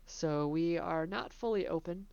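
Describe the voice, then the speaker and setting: A woman casually narrating a tour of her own theme park, chatty and relaxed, laughing between remarks. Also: lowish voice, unhurried, gravelly, dry recording, dull audio.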